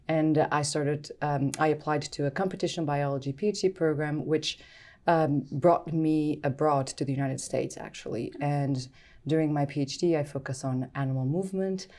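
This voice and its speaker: A woman from Portugal speaks in a low, warm tone with a Portuguese accent, her first language being Portuguese. She answers interview questions in a thoughtful, halting way, full of ums. She sounds middle-aged. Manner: thoughtful, hesitant with frequent ums. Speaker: guest scientist. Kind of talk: podcast interview.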